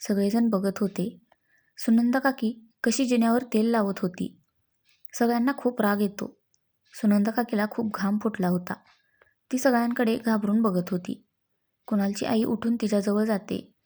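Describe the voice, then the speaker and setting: Mellow-voiced woman narrating a family story. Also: a little high, steady tone, moderate pace, long pauses. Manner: reads every character's dialogue herself without changing voice.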